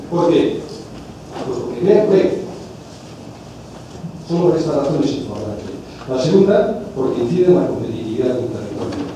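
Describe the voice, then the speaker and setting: A man in his fifties from Catalonia with a Catalan accent, giving a conference lecture in a measured way, often pausing and restarting his phrases. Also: a little high, warm tone, dull audio. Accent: Catalan Spanish. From Spain, Catalonia. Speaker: conference speaker. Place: large conference hall. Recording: echoey hall from far off, noisy.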